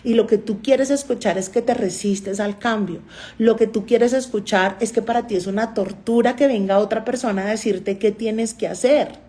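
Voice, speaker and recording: A woman's voice: fairly high pitch, moderate pace, dark tone. A Colombian woman, a doctor and therapist, giving a motivational talk to an online audience and telling stories in which she acts out the dialogue. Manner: storytelling, often acting out dialogue.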